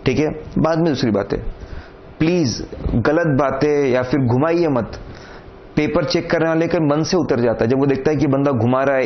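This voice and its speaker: A man with an Indian accent giving an exam coaching lecture, talking directly and instructively and checking again and again that students follow. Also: mid-range voice. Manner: direct, repeats "correct?" and "theek hai", instructive. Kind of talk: lecture mixing Hindi and English. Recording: dull lo-fi sound with faint noise.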